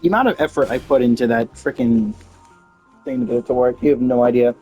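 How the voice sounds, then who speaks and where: A fast-talking man with a mid-range, slightly mellow voice rambles through casual chat on a game livestream. He cuts himself off to grumble in slang, sounding mildly exasperated. Faint music sits behind him in a rough recording.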